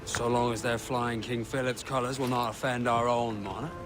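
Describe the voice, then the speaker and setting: An actor playing a seasoned, gruff pirate captain in a video game, teasing and blunt with salty sailor slang. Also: male voice, mid-range voice, steady tone, normal speed, over music, close to an everyday voice. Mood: proud, instructive. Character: seasoned, gruff, commanding male pirate captain, mocking mentor. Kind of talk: dramatic video game acting.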